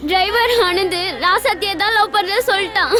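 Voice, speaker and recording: A woman's voice: extremely high pitch, brisk, music in the background. An actress playing a tearful, dreamy young woman with a crush, in a film drama.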